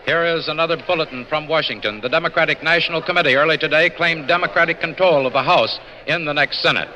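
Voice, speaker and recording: A man reading election bulletins as a radio news announcer, brisk and formal, heard on an old 1940s radio news broadcast recording. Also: a little high, sharp tone. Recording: dull, lo-fi old radio recording with faint hiss.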